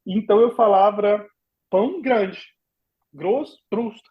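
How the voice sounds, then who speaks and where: A man's voice: high-pitched, takes it slowly, muffled recording. A man with a Brazilian accent, a podcast guest casually telling stories and acting out the dialogue. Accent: Brazilian Portuguese. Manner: animated, acts out remembered dialogue with laughs and exclamations. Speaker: podcast guest, former au pair. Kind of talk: casual storytelling in a podcast interview.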